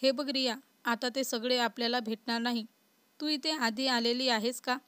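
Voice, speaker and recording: A woman voicing a young man who is short-tempered and protective, reading his lines in a plain, even storytelling voice. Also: a little high, moderate pace, clean tone, no room sound, lightly acted. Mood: calm.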